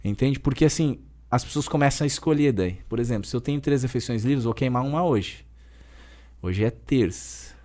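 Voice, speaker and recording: A man's voice: mid-range voice, normal speed. A man in his thirties with a southern Brazilian Gaúcho accent, talking emphatically and colloquially as a podcast guest. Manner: emphatic, animated, colloquial, keeps saying "velho". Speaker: personal trainer guest. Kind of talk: casual podcast conversation.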